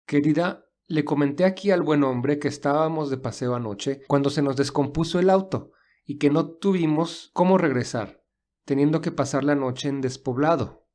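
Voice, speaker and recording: A man with a somewhat high, slightly mellow voice speaks at normal speed with light acting. In an audio story he plays a polite, resourceful young man stranded with his companion, talking earnestly and reassuringly.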